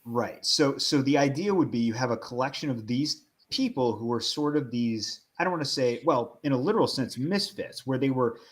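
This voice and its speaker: A man's voice: medium pitch, expressive, normal speed, hardly any pauses. A man on a podcast explaining his ideas in an analytical, thoughtful way. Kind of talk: casual chat.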